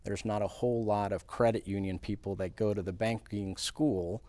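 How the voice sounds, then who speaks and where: A man from Puerto Rico, a credit union president, answering questions in a studio interview in a measured way with many fillers. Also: lowish voice, steady tone, mellow, dry recording.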